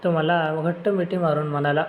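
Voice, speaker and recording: Male storyteller, steady pacing, slightly high voice, roomy recording with faint hiss. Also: normal speed. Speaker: story narrator. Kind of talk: first-person audio story narration.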